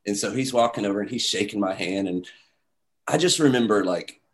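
A man telling a story in casual talk, animated, acting out quotes with many fillers. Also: fairly low pitch, a little fast.

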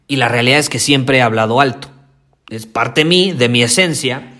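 A man with a Mexican accent hosting a podcast, talking loudly and intensely and repeating his key points for emphasis. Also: mid-range voice, moderate pace. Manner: loud, intense delivery. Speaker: podcast host. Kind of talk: motivational podcast monologue.

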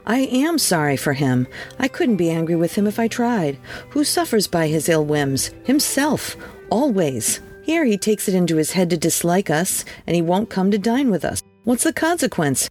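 A reader voicing Scrooge's cheerful young nephew in a storybook reading, merry and quick to laugh. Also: medium pitch, sing-song, darkish tone, faint music behind, voice pushed up, lightly acted. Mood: jovial.

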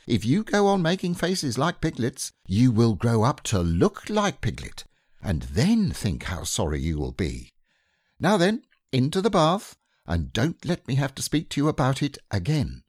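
A man's voice: medium pitch, wildly swooping pitch, a little slow, slightly rough, dry recording, studio quality, voice pushed up, full character voice. A man voicing a motherly female kangaroo who is cheerful, firm and soothing. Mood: brisk motherly.

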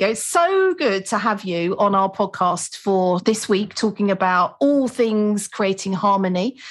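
A woman hosting a podcast interview, encouraging her guest with frequent short affirmations. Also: medium pitch. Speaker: podcast host.

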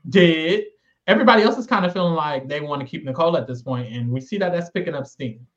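A man's voice: on the high side, fast talker, dull audio. A man co-hosting a podcast, recapping in casual, slangy, dramatic storytelling chat. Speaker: podcast co-host.

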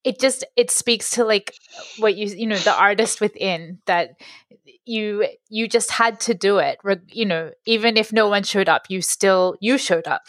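A teary woman interviewing a guest, affirming him warmly while searching for words. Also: mid-range voice, moderate pace, dry recording. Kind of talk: casual interview.

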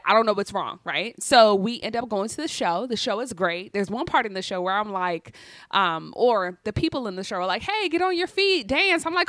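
A young woman chats on a podcast, recounting a story with lively expression and easy laughter. Her voice is bright and forceful, recorded close and dry with no room sound. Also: medium pitch, dry recording. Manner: animated, expressive, laughs often. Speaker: podcast co-host. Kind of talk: casual storytelling chat.

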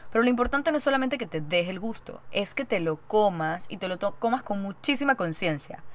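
A woman's voice: mid-range voice, a little fast. Chatty woman telling a story. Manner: chatty and animated, acts out quoted lines. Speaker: podcast host. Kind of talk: casual storytelling monologue.

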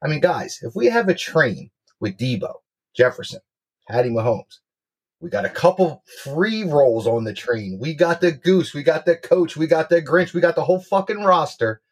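Male betting co-host, higher-pitched and a bit husky, brash bro slang, lively swings. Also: normal speed. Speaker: sports betting show co-host.

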